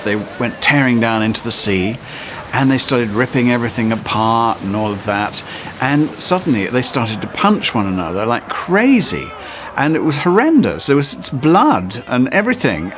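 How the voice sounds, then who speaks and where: A man's voice: medium pitch, sing-song, normal speed, a bit bright, slight background noise. A man in an interview recalling production stories, telling anecdotes animatedly with chuckles. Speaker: crew member recalling the production. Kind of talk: interview recollection.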